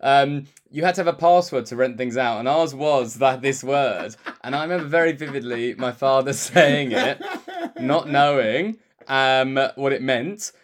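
A man's voice: medium pitch, moderate pace. Laughing, playful Englishman. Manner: laughs often, storytelling, playful. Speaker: podcast co-host. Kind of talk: casual chat.

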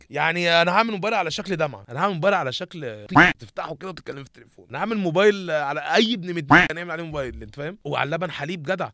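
Young egyptian guy ranting comedy style, super fast, sarcastic and sweary, slightly high voice. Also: fairly bright tone, dry recording, clean studio sound. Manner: rambling, sarcastic, slangy and profane. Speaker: comedic show host. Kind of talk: casual comic monologue.

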